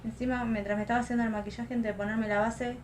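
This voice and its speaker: Young woman, relaxed chatty makeup vlogger at home, faint room noise. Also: on the high side, fast talker. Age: young adult. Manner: chatty, thinks aloud with fillers. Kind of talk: casual makeup tutorial. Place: home room, close to a lamp.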